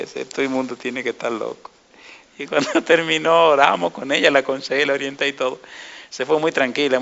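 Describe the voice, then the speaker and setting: A middle-aged man delivers a sermon in a bright, ringing voice at an ordinary middle pitch. He talks in a lively way and keeps turning to the congregation with questions. His carries a clear Caribbean lilt. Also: muffled recording. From Dominican Republic. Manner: animated, asks the congregation questions. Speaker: preacher.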